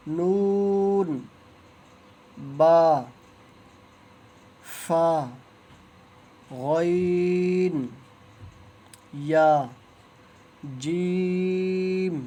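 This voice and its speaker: A man teaching Quran reading, who pronounces letters slowly and carefully and explains each sound in plain, patient speech. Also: fairly high pitch, a little mellow. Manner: drawn-out, careful letter recitation with pauses. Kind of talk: slow teaching of Arabic letter pronunciation.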